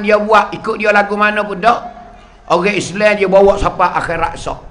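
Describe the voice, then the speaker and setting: A man preaching in a Kelantan-Patani Malay accent, his voice pitched high and ringing bright. He tells his religious story with lively sound words and acted scenes. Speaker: religious teacher. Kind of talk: sermon storytelling.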